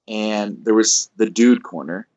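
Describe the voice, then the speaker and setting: A man who is a coach, a guest on a podcast, telling stories in casual conversation with lively delivery and frequent laughter. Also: fairly low pitch, measured pace, muffled recording. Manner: animated, laughs often, acts out voices in anecdotes. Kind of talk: casual interview storytelling.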